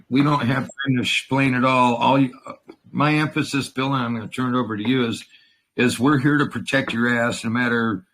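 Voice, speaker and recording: Blunt cussing guy, gravelly husky voice, dry sound. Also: mid-range voice, fairly bright tone, poor audio. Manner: profane, blunt, rhetorical questions. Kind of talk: casual conversation.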